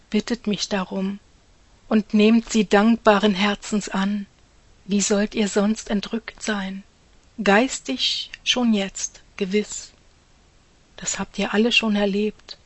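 A woman reads a devotional message in a slow, unhurried voice, speaking as God the Father. Her tone is earnest and exhorting, and her phrase endings often fall to a hushed softness. The recording is dry and close, with no room sound. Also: medium pitch, dry recording.

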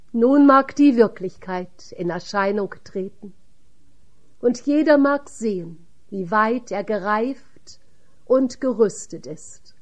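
A woman reading the part of Jesus as a calm, solemn teacher in a measured audiobook voice. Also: a little high.

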